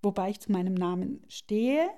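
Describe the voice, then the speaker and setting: A middle-aged woman, thoughtfully telling her life story as an interview guest and often pausing to search for words. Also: medium pitch, lively intonation, mellow. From South Tyrol, Italy. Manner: thoughtful, searching for words with many pauses and restarts. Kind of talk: reflective personal storytelling.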